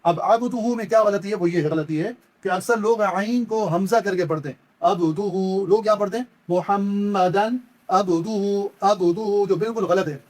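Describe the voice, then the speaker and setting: A high-pitched man giving a step-by-step recitation lesson. He explains each error with patient repetition, then slowly chants the words and draws them out as a demonstration. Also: a little mellow. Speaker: Quran recitation teacher.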